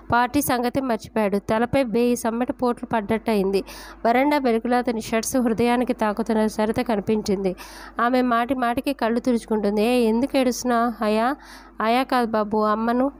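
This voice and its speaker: Woman, storyteller, steady even reading, slightly high voice. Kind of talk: storytelling narration.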